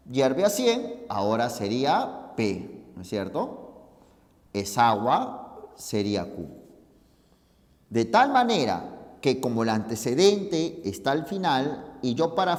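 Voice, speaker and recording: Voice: mid-range voice, a little mellow, long reverb tail. A teacher giving a logic lesson, explaining each step and often checking that the students follow. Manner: addresses listeners informally, pointing at the board.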